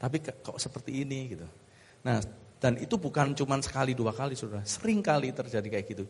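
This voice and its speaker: A man's voice: mid-range voice, lively intonation, quick pace, darkish tone, husky, long reverb tail. A pastor telling his story to a church congregation in an earnest way, with restarts. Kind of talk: sermon testimony.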